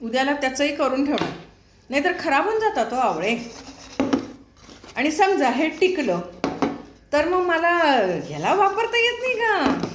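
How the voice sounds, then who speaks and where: Middle-aged woman vlogger, higher voice, chatty and teasing, home-kitchen cooking talk. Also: slight background noise. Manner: chatty, teasing her viewers. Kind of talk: casual chat while cooking. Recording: echoey kitchen with dish clatter.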